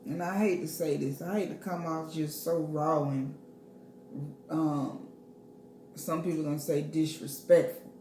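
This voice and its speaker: A woman's voice: low voice, steady tone, a little slow, long pauses, warm tone. A woman co-hosting a casual commentary chat, blunt and teasing. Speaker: co-host. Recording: echoey room, faint noise.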